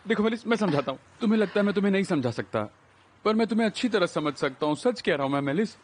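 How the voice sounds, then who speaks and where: A man's voice: high voice, lively intonation, very fast. An actor dubbing a lovesick, bookish young man who pleads earnestly with the woman he loves in drama dialogue. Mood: persuading. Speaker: dubbed drama lead.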